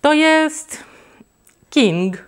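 A woman's voice: high voice, animated, very slow, pitched above the performer's own voice, full character voice. A woman reading aloud and voicing an eager little boy pleading for his pet in a storybook.

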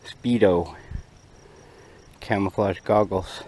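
A man's voice: low voice, fairly even intonation, slow, darkish tone. A man chatting casually to his viewers while recording a camping vlog out in the open. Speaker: outdoor camping vlogger. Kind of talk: casual outdoor vlog chat. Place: outdoors on an open rocky lakeshore. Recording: outdoor action camera, faint background noise.

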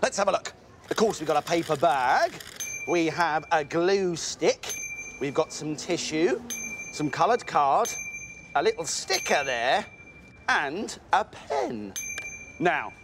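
A man's voice: on the high side, animated, takes it slowly, long pauses, noisy background. A man presenting a children's craft segment in a playful, exaggerated, sing-song way.

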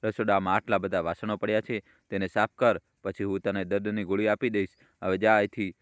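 A man's voice: little pitch movement, fairly quick, dry recording, clean studio sound, close to an everyday voice. A man voicing a harsh, bossy young wife who mocks and scolds. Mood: scolding. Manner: shrill, mocking, bossy.

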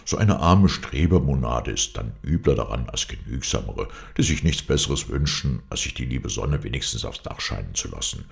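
Reading a storybook, a male narrator voices a melancholy, brooding man grieving his lost wife and son, who muses sadly on his fate. The full character voice is hoarse, extremely deep and gravelly, yet expressive, with pitch rising and falling widely. The manner is philosophical and mournful, delivered at normal speed with hardly any pauses.

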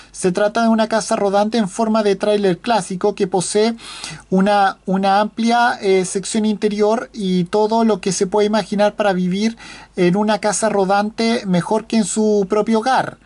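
A man who talks through a car news article on his screen in a casual, halting way, full of fillers and self-corrections. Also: high voice, steady tone, a little mellow. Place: indoors at a computer screen.

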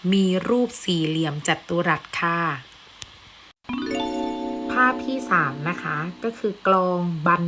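A woman teacher giving a children's language lesson, speaking patiently and clearly, repeating words slowly for the pupils. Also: fairly low pitch.

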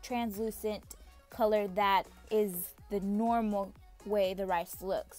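A woman's voice: medium pitch, a little mellow. A woman narrating a step-by-step cooking tutorial as the channel host, giving friendly, repetitive instructions straight to the viewer. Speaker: home cook and channel host.

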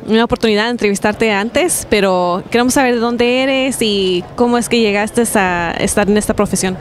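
A woman with a mid-range voice asks interview questions at a moderate pace off camera at a racetrack, with slight background noise. Holding a handheld mic to her guests, she comes across as plain and friendly, with a few fillers.

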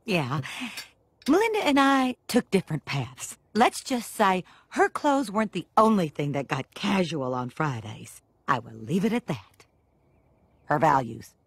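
A gossipy middle-aged cartoon mom, prim and judgmental. She talks in a husky, lowish voice that swoops up and down as she makes pointed remarks. The recording is dry and close. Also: very animated, a little slow, dry recording, exaggerated voice. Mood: sniffy. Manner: prissy, judgmental, pointed asides. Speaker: cartoon mother.

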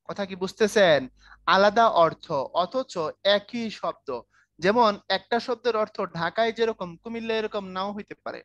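A man's voice: high-pitched, fairly bright tone, no echo. Dry, joking male Bangla teacher. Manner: joking, keeps checking students follow. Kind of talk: online class lecture.

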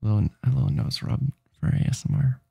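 Sleepy guy streamer rambling on, gravelly and husky, dark voice. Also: medium pitch, fast. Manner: rambling, self-interrupting, tired. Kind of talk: casual late-night stream chat.

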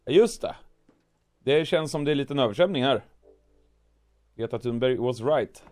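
A man hoarse from weeks of coughing, giving playful gameplay commentary as a gaming video host and narrating his moves with comic sound words. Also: mid-range voice.

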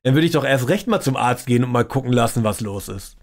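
A man's voice: mid-range voice, lively intonation, fast. A man hosting a reaction video, giving mocking commentary in a dry, sarcastic tone. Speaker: reaction channel host.

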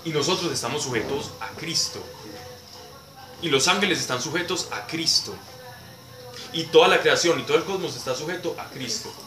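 A man's voice: a little high, animated, moderate pace, pauses often, music in the background. Man teaching a Bible class, echoey room. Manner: explanatory, answers questions, repeats words for emphasis. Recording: echoey room, distant mic, noisy background.

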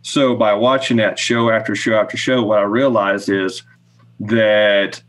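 A man's voice: fairly low pitch, little pitch movement, unhurried, fairly bright tone. A middle-aged man giving casual, plain-spoken explanations as an interview guest on a podcast. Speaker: podcast guest, goose call maker. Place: small indoor room with wooden shelves, on video call.

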